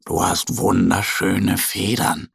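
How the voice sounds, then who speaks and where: Man doing a curious little bear kid, crackly gravelly voice, dry close sound, kids' storybook. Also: sits low, little pitch movement, takes it slowly, fairly bright tone, no echo, heavily acted. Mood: eager. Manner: childlike, eager and sometimes hesitant. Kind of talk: children's storybook reading.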